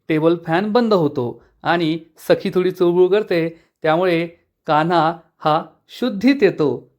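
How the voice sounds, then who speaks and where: Guy recapping a tv serial episode, lively storyteller voice, a bit high. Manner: lively storytelling, acting out quotes.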